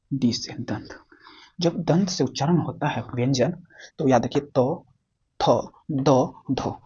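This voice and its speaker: A man's voice: on the high side, husky, muffled recording. A man with a Bihari accent teaching Hindi grammar in a playful classroom style, full of memory tricks and questions to his students. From Bihar, India. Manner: animated, playful, jokes and asks students questions.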